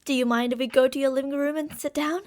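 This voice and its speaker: Earnest and insistent, a woman acting as a lovestruck, obsessive stalker from a parallel universe coaxes and explains to the listener in an ASMR roleplay, using fond pet names and theatrical emphasis. Her high, darkish voice stays steady and fast, close to how she'd talk every day.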